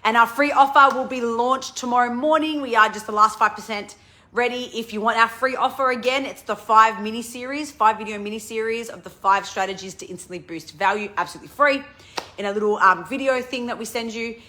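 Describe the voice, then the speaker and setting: A woman chats on a casual live stream about managing renovation projects. Her voice is bright and sits a little high, and she rattles along eagerly with lots of fillers and self-corrections. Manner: fast, excitable talk with many fillers.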